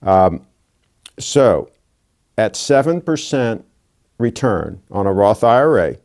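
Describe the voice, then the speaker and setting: The sixty-year-old host of a watch channel delivers a blunt, casual monologue sprinkled with folksy remarks. He speaks in a mid-range, slightly mellow voice.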